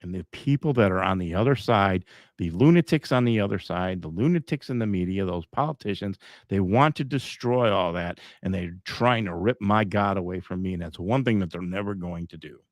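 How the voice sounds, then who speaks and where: A middle-aged man with a low voice hosts a live podcast at a brisk pace, recorded in dry studio quality with no echo. He rambles emphatically and chuckles often.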